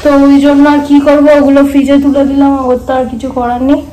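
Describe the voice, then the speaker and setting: A woman's voice: sits high, flat delivery, quick pace, mellow. A woman with a Bengali accent, chatting casually in a daily vlog while doing chores. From India. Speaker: vlogger. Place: home in hot weather. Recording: echoey home room with clear background noise.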